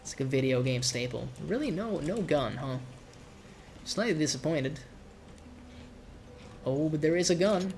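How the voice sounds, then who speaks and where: A man's voice: a little high, a little slow, long pauses, a little hiss or hum. Nasal male streamer with a cold. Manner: rambling, relaxed, swears casually. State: congested from a cold. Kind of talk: casual gameplay commentary.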